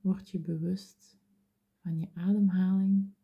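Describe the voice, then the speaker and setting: A woman whispering softly as she leads a guided meditation in a slow, soothing, gentle manner. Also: fairly low pitch, flat delivery, husky, lo-fi sound.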